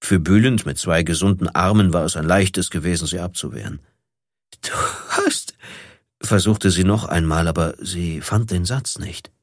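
Husky, low-voiced male audiobook narrator. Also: moderate pace, few pauses, no room sound, studio quality. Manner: dramatic, varied delivery.

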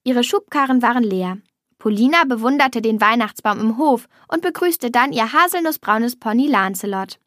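A woman reading a children's storybook aloud in a clear, expressive manner. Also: on the high side, normal speed, no room sound, clean studio sound. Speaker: narrator.

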